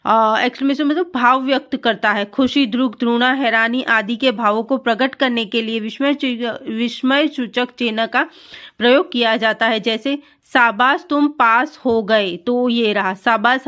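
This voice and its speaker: A woman teacher giving an online grammar lesson, reading example sentences slowly and explaining them step by step, with English grammar terms mixed in and quick apologies when she corrects herself. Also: a little high, a bit bright.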